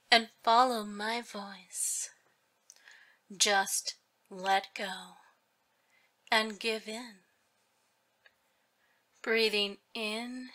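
Female hypnosis guide, whispered delivery, crisp bright tone, unhurried and soothing. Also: mid-range voice. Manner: slow, soothing, drawn-out phrases.

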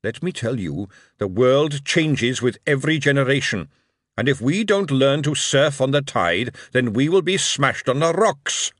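A man reading an audiobook, voicing a furious male dwarf king who declaims loudly and indignantly. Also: mid-range voice, lively intonation, measured pace, dry recording, studio quality, voice pushed up.

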